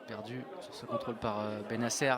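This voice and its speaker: A man giving live football commentary in an excitable way, building up to drawn-out goal calls. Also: fairly low pitch. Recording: outdoor crowd noise behind commentary. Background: outdoor stadium crowd.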